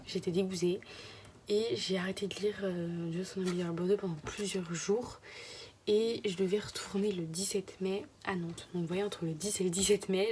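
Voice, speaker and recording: Young french girl rambling to her phone cam, pretty monotone, slips into whispers, bit of background hiss. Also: on the low side. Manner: chatty, rambling, often drops to a whisper. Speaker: vlogger. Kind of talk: casual vlog chat. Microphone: phone camera.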